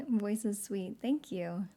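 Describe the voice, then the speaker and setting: Mellow woman with a morning voice. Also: medium pitch, takes it slowly. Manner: relaxed, chatty, laughs often. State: morning voice, still waking up. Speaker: streamer reading aloud. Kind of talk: soft live-stream reading and chat.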